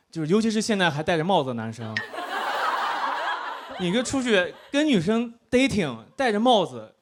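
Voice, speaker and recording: A man's voice: high-pitched, slight background noise. A young man performing a stand-up set on stage, joking at his own expense. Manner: self-mocking, jokey. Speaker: stand-up comedian. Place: comedy stage with live audience.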